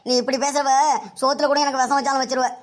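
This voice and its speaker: A quarrelsome mother-in-law, played by a woman who rattles off her grievances at a quick clip in a Kanyakumari Tamil accent. Her voice sits a little high, and she wails to heaven about her lot in this comedy skit. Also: level tone, natural voice. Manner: wailing, complaining. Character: nagging widowed mother-in-law, older woman.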